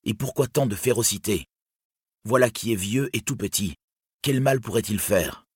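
A man's voice: on the low side, normal speed, husky, no room sound, clean studio sound, voice pushed up. A man voicing a young male outlaw captain who speaks in a grave, commanding way. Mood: stern.

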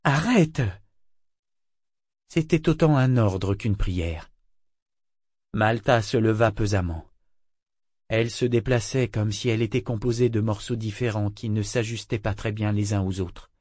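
A man narrating an audiobook in a measured, expressive reading. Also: lowish voice, dry recording, studio quality. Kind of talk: scripted narration.

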